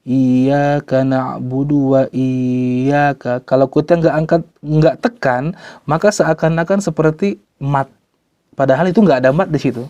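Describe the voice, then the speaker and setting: A man's voice: fairly high pitch, moderate pace, a little mellow, no room sound, dull audio. A man teaching Quran recitation rules, speaking patiently, repeating words and drawing out the example words he recites. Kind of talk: tajwid lesson.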